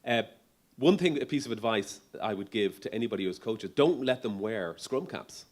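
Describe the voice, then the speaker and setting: A man's voice: lowish voice, lively intonation, moderate pace, darkish tone. A middle-aged man, a neurologist, giving a conference talk and answering questions in a loose conversational way, with fillers and restarts. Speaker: neurologist speaker.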